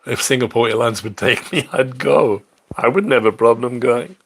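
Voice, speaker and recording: A man's voice: mid-range voice, normal speed, vocal fry, breathy edge. A middle-aged man hosting a live stream, chatting casually and answering viewer questions, rambling with fillers and restarts. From South Africa. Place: apartment in a large city.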